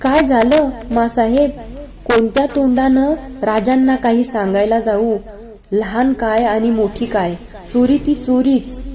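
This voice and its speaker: A woman's voice: fairly high pitch, fairly even intonation, unhurried, mellow, close to an everyday voice. A woman reading aloud, voicing an aged devoted male steward who pleads tearfully and blames himself. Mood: anguished. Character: aged devoted male steward, grief-stricken and self-punishing.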